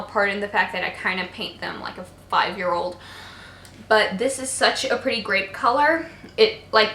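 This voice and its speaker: A woman's voice: medium pitch, pushed and bright. A young woman talking casually in a makeup favorites vlog, chatty and gushing, with many fillers. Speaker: beauty vlogger. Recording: echoey room.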